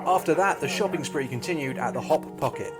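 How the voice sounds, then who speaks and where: A man's voice: a little high, animated, brisk. Upbeat travel show host, man, over music. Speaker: travel vlog host and narrator. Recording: loud music bed behind voice. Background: guitar music.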